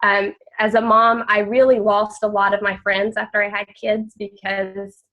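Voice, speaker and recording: This woman's voice sits in the mid range, with a flat delivery at normal speed, captured in lo-fi sound. Congested and nasal from blocked sinuses, she's a team member casually telling her story and offering tips on a group call, chatty and open, often repeating words.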